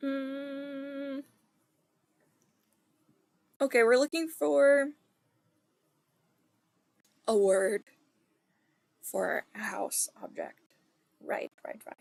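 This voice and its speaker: A woman streaming a co-working session, thinking aloud in casual self-deprecating chat with soft muttered asides. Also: sits high, fairly even intonation, drawn-out words, creaky, pauses often, dry recording.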